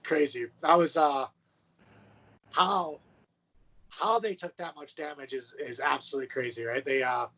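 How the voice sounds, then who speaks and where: A man's voice: medium pitch, normal speed, long pauses, a bit bright. A man co-hosting a sports podcast, talking in a laid-back, casual way with plenty of fillers. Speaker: podcast co-host. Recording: muffled lo-fi audio.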